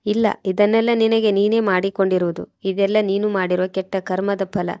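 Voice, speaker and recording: A woman reading the lines of a stern, betrayed husband in a storybook tale, in a flat, accusing tone. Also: mid-range voice, normal speed, no echo, clean studio sound, lightly acted. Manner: accusing, harsh.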